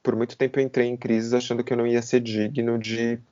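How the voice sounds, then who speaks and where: A man in his thirties talks through his thoughts on a podcast, hesitant and reflective, often circling back and repeating himself. His voice sits at a middle pitch. The recording is slightly dull and muffled. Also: little pitch movement, quick pace, mellow. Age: 30s. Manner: hesitant, repeats words and restarts while thinking aloud. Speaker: podcast host. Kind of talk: reflective casual chat.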